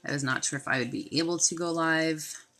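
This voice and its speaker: A woman with a low-sitting voice speaks briskly while hosting a healing livestream from her phone. Sniffly from a sinus infection, she chats casually and greets viewers by name, with a desk fountain and quiet music in the background.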